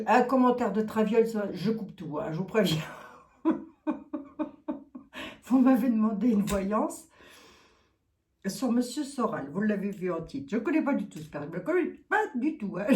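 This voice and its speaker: A woman's voice: medium pitch, mellow. A woman psychic chatting casually and in a flustered way to her viewers, laughing often between sentences. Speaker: psychic reader. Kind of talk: casual chat to camera. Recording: echoey room.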